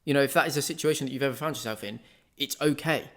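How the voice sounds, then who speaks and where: A man talks through his thoughts in a loose, casual monologue, circling back with asides and fillers. His voice sits at an ordinary middle pitch for a man. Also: rapid-fire, fairly bright tone. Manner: rambling, conversational, with many asides. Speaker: podcast host.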